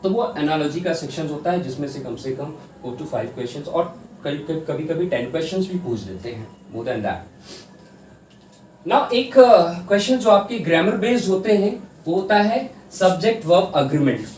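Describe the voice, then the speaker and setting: A man's voice: on the high side, big pitch swings, unhurried, darkish tone. A man teaching an exam-prep English class in mixed Hindi and English, explaining step by step and sounding out words syllable by syllable. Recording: roomy echo, distant mic, faint hiss.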